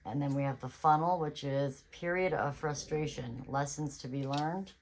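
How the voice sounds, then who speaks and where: A woman's voice: low-pitched, moderate pace, a little hiss or hum, rough recording. A woman giving a casual tarot reading on her channel, chatty and reassuring, thinking aloud as she goes. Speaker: tarot reader.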